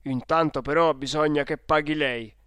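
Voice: mid-range voice, fairly even intonation, moderate pace, fairly bright tone, smooth, dry recording, lightly acted. A reader doing stern railway officials. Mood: firm. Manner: firm, official. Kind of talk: audiobook character voice.

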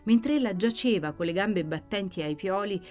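A woman's voice: moderate pace, soft background music. A woman reading a novel aloud with vivid, dramatic narration. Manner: expressive, with sharp swings in pitch and loudness. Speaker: audiobook narrator.

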